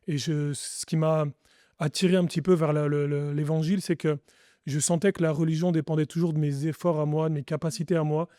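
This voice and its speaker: A French man, a pastor, speaks in an earnest and reflective way, often restarting his sentences. His voice sits fairly high but sounds dark and mellow. The recording is dry and close, with no room sound. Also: little pitch movement, fairly quick, dry recording. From France. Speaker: pastor, podcast guest. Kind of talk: testimony interview.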